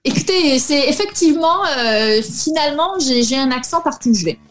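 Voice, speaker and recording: A French woman in her forties answering podcast interview questions, pausing often with fillers. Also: sits high, lively intonation, fairly bright tone, soft background music. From France. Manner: hesitant, many fillers. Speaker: guest.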